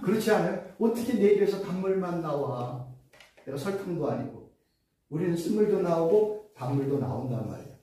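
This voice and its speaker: A woman professor teaching theology to a class, lively, repeating key phrases and answering her own questions. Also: on the low side, fairly quick. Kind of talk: lecture to a class. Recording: distant mic in echoey room.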